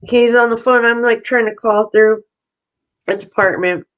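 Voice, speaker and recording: A woman's voice: on the high side, moderate pace, muffled recording. Chatty woman telling a story. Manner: animated storyteller, acts out phone calls. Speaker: podcast co-host. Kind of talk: casual chat.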